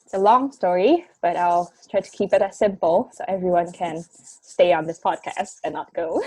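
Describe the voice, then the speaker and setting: A woman's voice: on the low side, lively intonation, moderate pace, mellow, breathy edge, no room sound. A 21-year-old woman from Indonesia, born in Taiwan, telling her story in a chatty interview and leaning on filler words. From grew up in Indonesia, born in Taiwan. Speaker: interview guest, marketing graduate.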